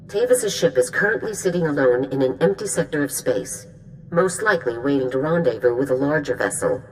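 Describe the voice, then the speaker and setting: Low-voiced stern general. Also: female voice, animated, darkish tone, a little hiss or hum, rough recording. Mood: urgent, commanding. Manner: brisk, authoritative, dry. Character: stern, commanding female military general. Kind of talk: video game cutscene acting. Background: music.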